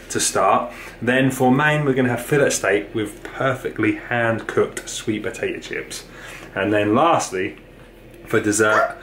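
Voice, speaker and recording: A man's voice: fairly low pitch, fairly bright tone. Man, young adult, casual vlog chat, upbeat, filler words, faint room noise. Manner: chatty, upbeat, lots of fillers. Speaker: fitness vlogger. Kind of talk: casual vlog talk to camera.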